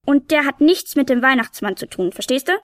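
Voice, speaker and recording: A tiny, cheeky female helper of Saint Nicholas, put on by a woman reading a storybook. The voice sits noticeably high and bright above a dry, close sound. She chatters breezily, always about to rush off. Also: animated, fairly quick, no room sound. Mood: hurried, breezy.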